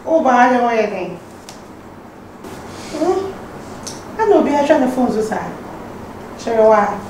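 A woman's voice: a little high, sing-song, unhurried. An actress playing a chatty woman with a Ghanaian accent, mixing Twi and English. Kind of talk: comedy drama acting. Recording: distant echoey room with noise.

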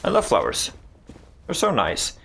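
A young man commenting on a video game he is playing, excitable and jokey, swinging between yelps and mutters. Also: lowish voice, normal speed, vocal fry. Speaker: gaming YouTuber. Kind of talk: let's play commentary.

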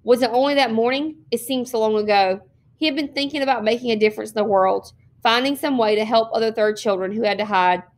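A woman teacher reading a novel aloud, with steady, expressive narration and small slips. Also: on the high side, fast. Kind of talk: read-aloud storytelling.

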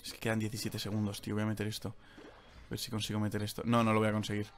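Over soft background music, an excitable young streamer with a Spain Spanish accent fires off rapid live gameplay commentary. His voice swings between loud outbursts and low mutters.

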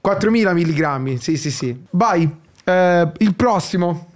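A man from Italy hosts a loose call-in chat, joking and teasing the people who ring in. His voice sits a little higher than most men's. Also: lively intonation, unhurried. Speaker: host. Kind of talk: casual radio call-in chat.

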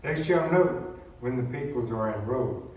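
Lector, male, mid-pitched, measured formal reading; cathedral echo, heard from across the church. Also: lively intonation, a little mellow. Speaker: lector and cantor. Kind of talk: liturgical reading and chanted psalm. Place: large church. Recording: echoey church, distant mic, faint noise.

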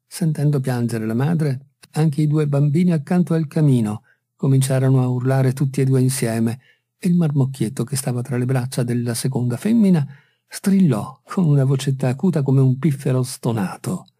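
A man reads a classic short story aloud, calm and unhurried. His voice is very dark and husky, at a middle pitch. The sound is dry and close to the mic. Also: no room sound. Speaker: audiobook reader. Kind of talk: literary narration.

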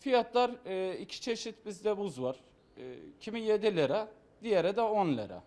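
A man, a business owner explaining his work in an interview in short phrases with halting pauses. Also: sits high, very animated, background noise. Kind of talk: interview to camera.

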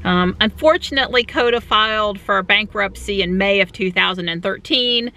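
A woman's voice: medium pitch, moderate pace, sharp tone. A woman talking inside a parked car, chatty and informal as she explains things in a casual vlog style. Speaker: electric car vlogger. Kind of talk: casual vlog narration to camera.

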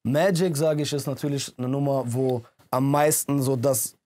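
Speaking into a handheld mic held out to him, a man in his thirties, a rapper and interview guest, chats casually and earnestly in a music studio, rambling with fillers and restarts. His mid-range voice is mellow and dark, with a steady tone at a normal speed.

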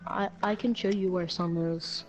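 A woman chatting casually while playing a game with friends and throwing in quick wisecracks. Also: fairly low pitch, steady tone, poor audio. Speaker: player in the group. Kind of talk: casual gaming chat.

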